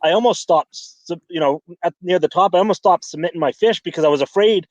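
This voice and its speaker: A man's voice: sits high, fast, darkish tone, dry recording. Rambling man, dull dry recording. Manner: rambling, many restarts and fillers. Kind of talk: casual podcast chat.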